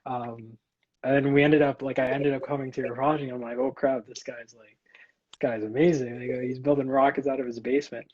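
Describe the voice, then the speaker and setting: Young man, husky, muffled lo-fi chat. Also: medium pitch, a little fast. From Canada. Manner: relaxed, storytelling, fillers like "like". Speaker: co-host. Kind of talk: casual chat. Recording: slightly muffled lo-fi sound.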